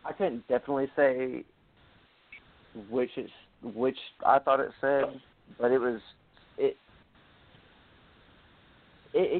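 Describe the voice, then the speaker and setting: Male radio host, casual and hesitant, gravelly voice, phone-line sound. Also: medium pitch, a little hiss or hum. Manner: hesitant, restarts his sentences. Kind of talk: casual interview chat.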